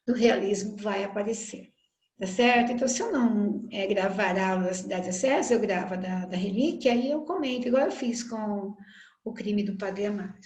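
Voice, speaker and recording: A woman's voice: fairly high pitch, darkish tone. A woman with a Brazilian accent teaching a recorded online literature class, chatty and full of tag questions. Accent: Brazilian Portuguese. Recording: echoey room.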